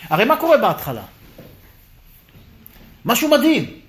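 Guy teaching a torah class, high voice that jumps all over, lots of rhetorical questions. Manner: animated, rhetorical questions, acts out dialogue.

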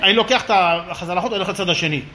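A man's voice: high-pitched, a little hiss or hum. A man giving a humorous religious talk, telling a story and acting out the voices of the people in it. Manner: lively, acts out quoted voices. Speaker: religious lecturer. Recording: echoey room.

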